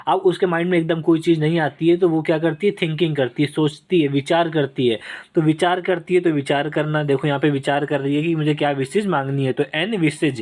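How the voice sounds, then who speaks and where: A man teaches vocabulary in a recorded online lesson. His voice sits a little high, and he works through each word with slow, repeated examples. He keeps checking in with the viewer as he explains.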